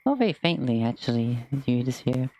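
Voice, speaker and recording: Game master, gravelly mid-pitched voice, casual stream narration, hesitant, informal. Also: big pitch swings, fairly quick, darkish tone, faint music behind, rough recording.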